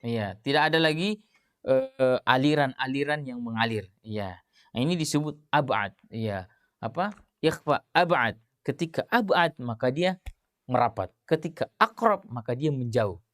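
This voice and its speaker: A man teaching tajwid, explaining rules in plain speech and reciting example words slowly and drawn out, with many fillers. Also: mid-range voice, expressive, fairly bright tone, no room sound, studio quality.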